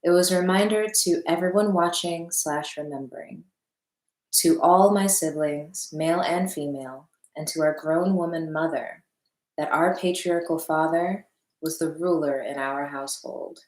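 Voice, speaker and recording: A woman with a somewhat low voice reads a book aloud in a room at home. She sighs often and breaks off to chat casually with her viewers. The room gives her voice a noticeable echo. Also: fairly even intonation, normal speed, a little mellow. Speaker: book reader and commentator. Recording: roomy echo.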